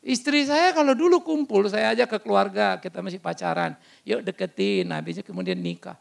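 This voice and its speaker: A man with a Batak Indonesian accent preaches with a blunt, booming delivery. His voice sits high and swings wildly up and down, with a gravelly edge. He tells stories and breaks into sudden shouts. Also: fairly quick. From North Sumatra, Batak. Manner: loud, blunt, animated storytelling with sudden shouts. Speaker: pastor. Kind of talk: sermon. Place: church service.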